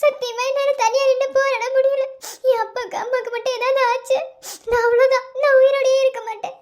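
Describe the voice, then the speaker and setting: A woman voicing a squeaky, tearful young mother-to-be. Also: unhurried. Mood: tearful pleading. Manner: pleading, sobbing through words. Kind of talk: cartoon love story voice acting.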